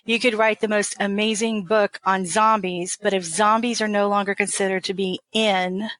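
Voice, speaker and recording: Guest voice: a talkative Texan woman with a light twang, lively and easy, recorded dry and close. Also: mid-range voice, moderate pace, dry recording. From Texas. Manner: chatty, laughs often, animated. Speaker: author guest. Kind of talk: casual interview chat.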